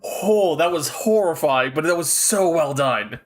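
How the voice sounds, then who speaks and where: Animated male game streamer, casual. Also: fairly high pitch, unhurried. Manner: reads game text aloud, thinks out loud. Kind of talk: casual live gameplay commentary.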